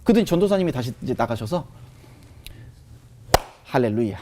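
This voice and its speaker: A man's voice: a little high, sing-song, very fast, noisy background. A man animatedly recounting a personal religious experience as a guest, emotional and full of fillers. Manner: emotional, vivid retelling with many fillers. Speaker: guest sharing a testimony.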